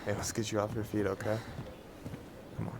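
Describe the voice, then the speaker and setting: A man plays a caring, steady friend in a game drama. The voice is on the low side, with clearly audible background noise. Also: fairly quick, close to an everyday voice. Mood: concerned. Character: concerned, steady man looking after a friend. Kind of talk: dramatic video game acting.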